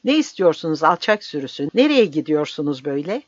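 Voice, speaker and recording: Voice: medium pitch, very animated, fairly quick, no echo, muffled recording. A reader voicing a furious middle-aged army commander who barks questions and orders at a crowd. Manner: barking, shouting orders.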